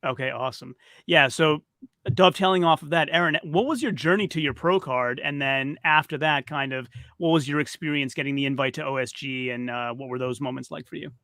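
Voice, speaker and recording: A man's voice: fairly high pitch, a little fast, pushed and bright, no echo, clean studio sound. A man hosting a casual interview over a video call, friendly and rambling. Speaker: podcast host.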